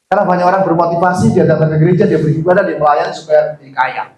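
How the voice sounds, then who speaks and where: A man's voice: on the high side, fairly even intonation, very fast, a little mellow, a little hiss or hum. A man preaching a sermon as pastor, joking and putting questions to his congregation. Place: church hall. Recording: echoey church hall.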